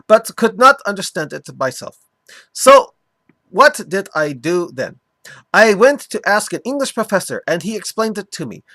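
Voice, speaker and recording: Earnest Pakistani man who lectures, mock accent, lively high voice, put on by a man. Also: no echo, full character voice. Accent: mock foreign accent.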